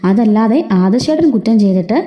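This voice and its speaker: A woman's voice: on the high side, expressive, fairly quick, muffled recording, lightly acted. A woman doing an outspoken young sister. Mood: indignant. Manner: sharp, scolding questions.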